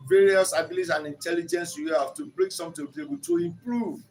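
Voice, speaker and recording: Speaking fast and very animatedly, this older Nigerian-accented relationship counselor, a native Yoruba speaker, delivers an earnest lesson that climbs to emphatic peaks. His voice is high and darkish with vocal fry, and there's a little hiss or hum.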